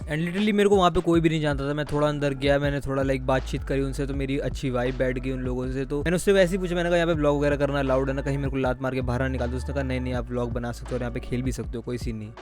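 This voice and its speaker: A man's voice: mid-range voice, fairly even intonation, rapid-fire, few pauses, a little mellow, faint music behind. A young man narrating his vlog in a chatty, storytelling voice-over. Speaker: vlogger.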